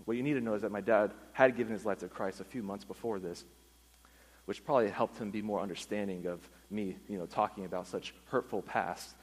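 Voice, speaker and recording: A man telling an earnest personal testimony in a sermon, going low and quiet at the emotional moments. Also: a little fast, breathy edge, big-room sound, low-quality recording. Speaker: speaker giving a testimony.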